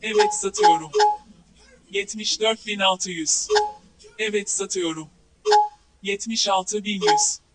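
Man acting a high-voiced game auctioneer, formulaic calls. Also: expressive, slow pace, long pauses, full character voice, rough recording. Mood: brisk selling. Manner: formulaic, repetitive calling of bids. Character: brisk male storage auctioneer in video game. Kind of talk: scripted game auction calling.

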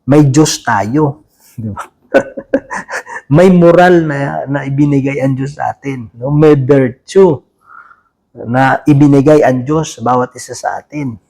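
A man's voice: mid-range voice, darkish tone. A man preaching a sermon in a casual, conversational way, often turning to the listeners with a question. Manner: many restarts and fillers, chatty and informal.

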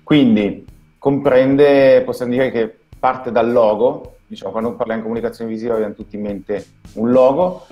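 A man with an Italian accent, a guest designer, explaining things in a halting way that repeats words over a video call. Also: mid-range voice, muffled recording, faint music behind. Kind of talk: casual video call interview.

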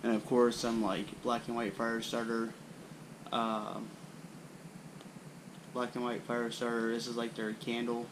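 A man's voice: medium pitch, measured pace, long pauses, background noise. A young man casually showing his camping gear, rambling with lots of fillers, recorded indoors on the camera mic. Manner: relaxed, rambling with frequent fillers. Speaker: bushcraft channel host. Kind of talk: casual gear show-and-tell. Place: indoors at a wooden floor, small room.

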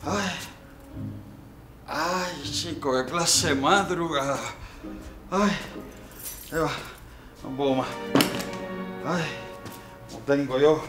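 A man's voice: a little high, drawn-out words, pauses often, reverberant, over music. A man with a Cuban accent playing a weary older man stranded by a broken train, sighing and complaining to himself in a comedy sketch. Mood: grumbling.

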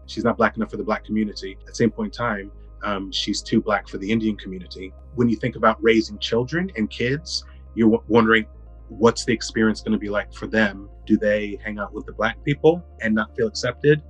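A man in his thirties from the US Midwest, speaking calmly and thoughtfully in an interview from home on a close webcam. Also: lowish voice, a little fast, breathy edge, highs cut off, faint music behind. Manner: thoughtful, calm, with fillers. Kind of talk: reflective interview. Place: home room indoors.

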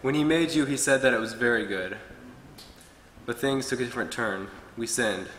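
A man's voice: medium pitch, normal speed, fairly bright tone, a little hiss or hum. Earnest young man preaching in echoey hall. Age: young adult. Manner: earnest, reading from notes at a pulpit. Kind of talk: sermon. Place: church hall with wood-paneled walls. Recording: echoey hall with long reverb.

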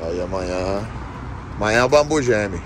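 A man's voice: fairly low pitch, expressive, normal speed, slight background noise. A man in his thirties vlogging on a phone held at arm's length, joking and rambling in slang. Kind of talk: casual vlog chat. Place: outside a shop at dusk, then inside.

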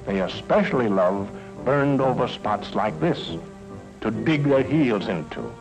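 An American man delivers folksy, emphatic scripted narration like a mid-century educational film, from an old film soundtrack with music. His fairly low voice swings widely in pitch at an unhurried pace, and the recording is rough.

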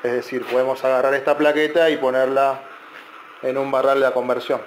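Over a little hiss or hum, a repair technician with a flat, mid-range voice talks a bit fast through a circuit board. It's a casual, loose tutorial full of fillers and restarts.

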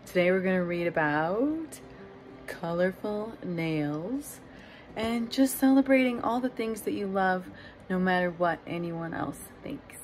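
A woman in her thirties, acting as a preschool teacher, reads a picture book expressively to young children in an indoor living room with a couch. Her voice is on the low side, animated and unhurried, with slight background noise.

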